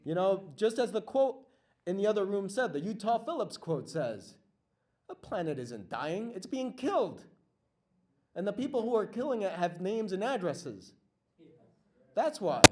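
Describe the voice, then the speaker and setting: A man gives a passionate workshop presentation to a live audience in a meeting room, his voice high-pitched, sing-song, and dark in tone. He speaks a little slowly with long pauses, asking question after question with fire and repeating lines for emphasis.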